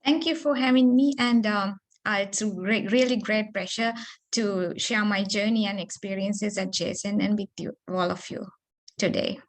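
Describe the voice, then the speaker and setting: A woman's voice: medium pitch, steady tone, normal speed. A woman in her thirties from Sri Lanka, a postdoctoral researcher answering seminar questions on a video call, hesitant with many fillers and restarts. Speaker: guest speaker, postdoctoral researcher.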